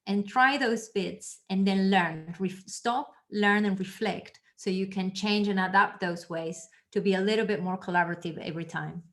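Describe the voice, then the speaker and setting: A woman's voice: medium pitch, normal speed, few pauses, a bit bright. Chatty woman trainer on a call. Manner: chatty and playful, with light asides. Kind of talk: casual explanation on a group call. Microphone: video call.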